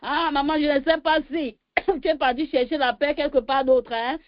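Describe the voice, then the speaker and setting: A woman leading a prayer meeting, preaching fervently in call-and-response and breaking into slow chanted praise refrains. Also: high voice, steady tone, no echo. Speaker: prayer leader. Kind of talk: sermon with sung praise. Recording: dull lo-fi sound.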